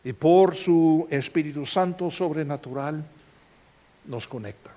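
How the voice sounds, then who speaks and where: A male pastor delivers a sermon at a slow, deliberate pace. His voice sits somewhat high for a man. He preaches expressively, dropping to near-hushed lines and then rising to loud, emphatic ones. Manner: expressive preaching, dramatic swings in volume.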